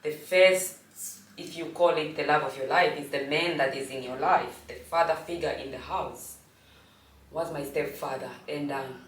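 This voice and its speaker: A Namibian woman in her forties, telling a personal story in a halting, reflective way with frequent restarts. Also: low voice, fairly even intonation. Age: 40s. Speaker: host. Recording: echoey room, distant from mic.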